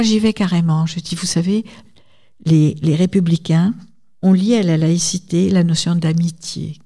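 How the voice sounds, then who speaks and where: A woman's voice: fairly low pitch, mellow. A woman researcher speaking as a guest at a conference, talking emphatically and turning often to the audience. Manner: emphatic, digressive, addresses audience directly. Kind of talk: conference talk.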